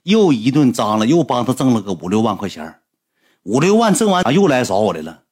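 A man, telling a story to his livestream audience in a blunt, animated way and swearing freely. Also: medium pitch, fairly quick, breathy edge. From Northeast China.

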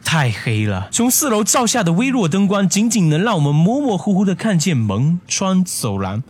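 A man narrating a first-person horror story in a hushed, suspenseful manner. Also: high-pitched, sing-song, normal speed, breathy edge.

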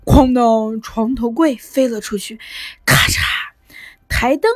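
A woman narrating a bedtime story for children with a gentle, clear reading voice. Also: on the high side, slow, dry recording.

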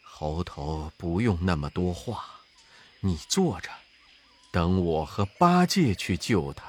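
A narrator doing a soft-spoken gentle old-time monk. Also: male voice, sing-song, slow, full character voice. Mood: mild. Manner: quiet, mild, lowered voice.

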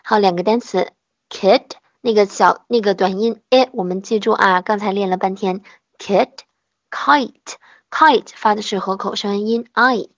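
A woman teaching English pronunciation in an online lesson, patiently modelling sounds slowly and repeating them. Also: mid-range voice, fairly even intonation, no echo, muffled recording.

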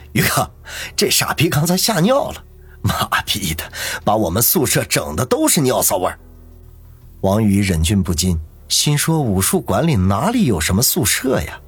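A man's voice: fairly low pitch, husky. A man narrating a novel as an audiobook, with dramatic storytelling. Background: faint music.

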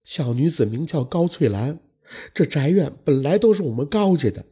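A man's voice: a little high, expressive, moderate pace, dark tone, slightly rough. A man voicing a young female ghost who pleads sorrowfully for help, in a storytelling performance. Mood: tearful.

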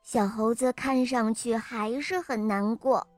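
A woman narrating a children's bedtime story in a slow, gentle, sing-song way. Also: on the high side, no room sound, soft background music.

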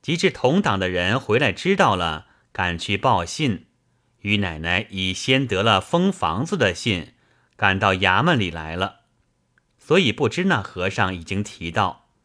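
A man reading a classic novel aloud in a slow, expressive storytelling style. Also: lowish voice.

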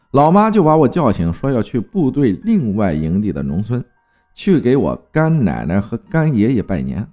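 A man narrating a spooky folk tale in a lively, dramatic way. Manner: lively, dramatic telling with big swings of pitch. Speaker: storyteller.

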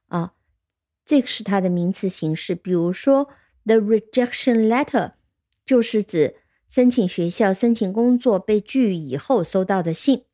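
A woman's voice: medium pitch, warm tone. A woman teaching English vocabulary, patiently explaining words and spelling them out letter by letter. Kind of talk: vocabulary lesson.

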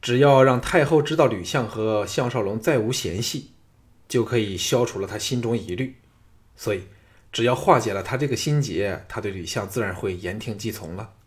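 A male audiobook narrator voicing a cunning, confident male strategist who speaks in a quiet, conspiratorial way. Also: lowish voice, normal speed, lightly acted. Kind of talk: audiobook character reading.

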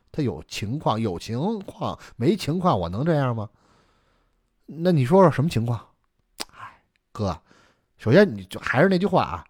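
A male storyteller voicing an earnest, loyal younger brother who speaks low and hushed. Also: dry recording, studio quality.

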